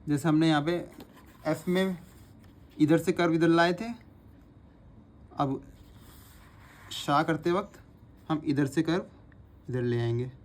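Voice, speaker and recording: A man teaching a shorthand lesson, his voice a little higher than most men's. He talks patiently and repeats each sound slowly as he writes it out. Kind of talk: instructional lesson, repeating drills aloud.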